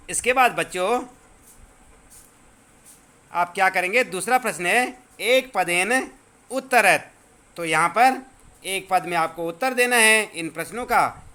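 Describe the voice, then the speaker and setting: A male teacher explaining a school lesson to children, patiently repeating words slowly so they learn the pronunciation. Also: sits high, bright, forceful tone.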